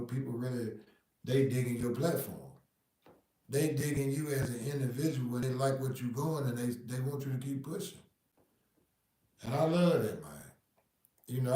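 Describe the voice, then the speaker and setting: A man's voice: medium pitch, mellow. Southern guy from nashville rambling casual, mid voice, lots of room echo, kinda far off mic. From Nashville, Tennessee. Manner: laid-back, repeats "man" and "you know what I mean". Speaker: podcast host. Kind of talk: casual monologue.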